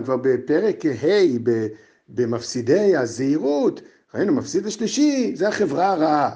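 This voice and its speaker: A man's voice: sits high, creaky, warm tone, dull audio. A man teaching a recorded Torah lecture, asking rhetorical questions and often stopping to restart a sentence. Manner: asks many rhetorical questions; halting, with frequent restarts. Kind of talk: recorded lecture on an ethical text.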